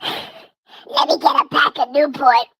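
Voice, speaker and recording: A squeaky, childlike woman's voice comes through a cheap pitch-raising voice changer, as a man puts her on for laughs. She drags her words out slowly in a mocking, whiny tone, and a crackly fry runs under the shrill, bright sound. The recording is dry, with the voice set back from the mic. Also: steady tone, dry recording, exaggerated voice. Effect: voice changer raising the pitch to a squeaky helium tone. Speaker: livestream co-host doing a gag voice.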